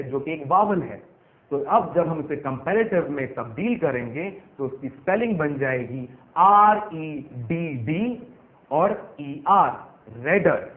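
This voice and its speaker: A man teaching English grammar, spelling words out letter by letter in a slow, careful way. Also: on the high side. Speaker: English trainer. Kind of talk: explanatory grammar lesson. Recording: echoey, phone-like narrow sound.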